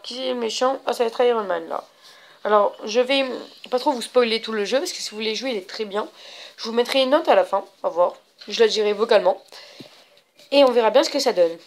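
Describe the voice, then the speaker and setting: A woman with a somewhat high voice hosts a casual let's play and comments on her game as she goes. Her talk is hesitant and rambling, full of fillers and restarted sentences. A faint hum of background noise runs under her voice.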